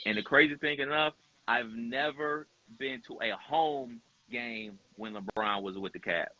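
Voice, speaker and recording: Animated, bright-voiced man telling sports stories. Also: mid-range voice, a little slow. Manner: animated, profane storytelling with acted-out quotes. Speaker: podcast speaker. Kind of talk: casual chat. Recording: dull lo-fi sound.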